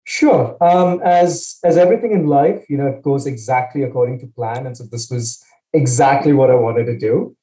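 Middle-aged man from India with a mellow voice. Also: medium pitch, moderate pace. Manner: relaxed, joking, many fillers. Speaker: guest, asset manager. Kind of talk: casual interview talk. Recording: echoey room.

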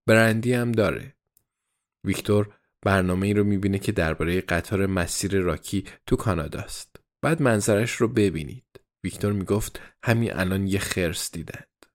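Low-voiced man reading a diary aloud. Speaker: audiobook narrator. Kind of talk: first-person diary narration of a novel.

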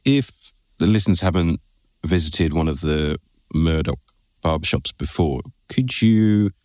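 Male interviewer, very low voice, agreeable, circles around his words, recorded close and dry. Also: animated, a little slow, darkish tone, no room sound. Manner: hesitant phrasing, repeats words, agreeable. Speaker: interviewer, podcast host. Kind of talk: conversational interview.

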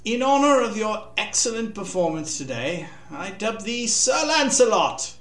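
A jovial, booming king with a loud, proclaiming delivery, voiced by a male narrator. He sounds raised and bright, heard from some way off in a roomy space. A storybook monarch full of cheer. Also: big pitch swings, unhurried. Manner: hearty, proclaiming. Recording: echoey room, mic at a distance.

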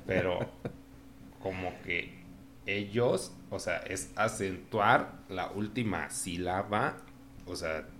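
A man with a northern Mexican accent chatting casually on a podcast, telling stories in an animated, laughing way. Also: deep voice, slow, a little hiss or hum. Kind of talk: casual chat.

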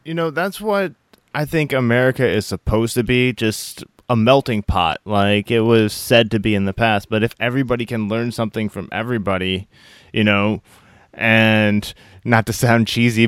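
Easygoing guy hosting an interview, smooth deep-ish voice, dry close sound. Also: no echo. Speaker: interview host. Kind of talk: casual interview conversation.

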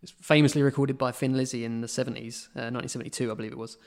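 Mid-pitched man, halting podcast chat. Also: little pitch movement, creaky. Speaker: podcast co-host. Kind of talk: casual chat.

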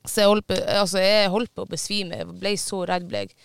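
Man, casual chat, high voice, smooth yet gravelly, dry close sound, animated storytelling. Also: no room sound. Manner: animated, swearing storytelling with many fillers.

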